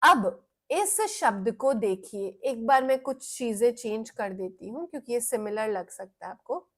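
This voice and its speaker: Indian woman, young, higher voice, unhurried, patient online English teacher for kids. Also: expressive, fairly bright tone. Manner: slow, patient explaining, mixing Hindi and English. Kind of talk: live online class for children.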